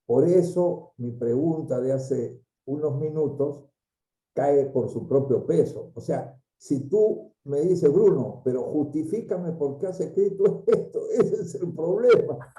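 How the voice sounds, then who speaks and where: A man in class asks polite, deferential questions in a very dark, mellow voice that sits a little high. The sound is roomy and echoing. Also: lively intonation, slow pace. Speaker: student. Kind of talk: class discussion.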